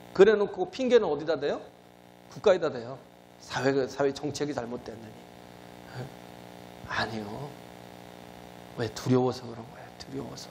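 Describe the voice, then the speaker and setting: A man's voice: a little hiss or hum, poor audio. A male pastor preaching to his congregation. He asks rhetorical questions and keeps prompting his listeners. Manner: swings between emphatic high lines and low, quiet drops. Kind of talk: sermon.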